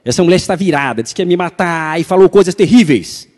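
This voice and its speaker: A Brazilian pastor and physician telling a story in a sermon, animated and acting out the dialogue. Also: male voice, a little high, quick pace. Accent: Brazilian Portuguese. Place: church hall. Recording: reverberant church hall.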